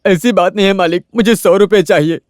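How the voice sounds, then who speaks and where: A man's voice: high-pitched, a little fast, clean tone, no echo, clean studio sound, lightly acted. A man dubbing a broke, evasive villager into Hindi, pleading and wheedling for money. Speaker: debtor villager dodging creditors.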